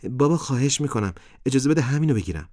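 A man's voice: medium pitch, lively intonation, mellow, no room sound, studio quality, pitched above the performer's own voice, lightly acted. A man voicing a polite, modest fourteen-year-old boy in a storybook, speaking eagerly and pleadingly.

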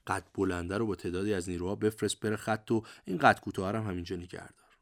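A man voicing a brisk, impatient battalion commander giving curt orders. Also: low voice. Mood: urgent.

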